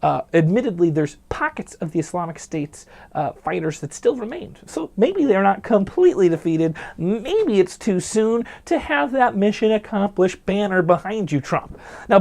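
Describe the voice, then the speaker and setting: A man's voice: high-pitched, gravelly, a little mellow. A man hosting a news commentary show, delivering headlines with snarky, jokey asides.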